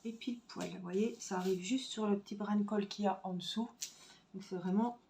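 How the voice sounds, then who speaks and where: A woman's voice: mid-range voice, steady tone, fairly quick, vocal fry, darkish tone, slight background noise. A woman vlogging at home, chatting casually to viewers as she crafts, thinking aloud with fillers, recorded on a phone camera. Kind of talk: casual tutorial chat while crafting. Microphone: phone camera on a stand.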